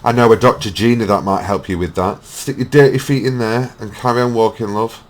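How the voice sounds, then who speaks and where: A man's voice: fairly low pitch, steady tone, brisk. A man hosting a reaction video, mocking and swearing as he rants. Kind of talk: ranting reaction commentary.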